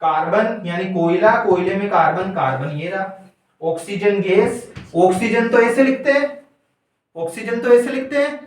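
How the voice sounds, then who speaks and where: A high-pitched man teaches a class, firing questions and answering them himself. His voice rings around a very echoey room. He stands well back from the mic. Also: normal speed, recorded from a distance. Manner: quizzes students, answers his own questions. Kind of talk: classroom lecture with call-and-response.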